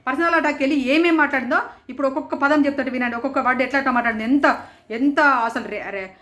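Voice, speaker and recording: A woman's voice: high voice, racing, a bit bright. A woman giving casual, opinionated commentary as a show reviewer, indignant and repeating phrases for emphasis.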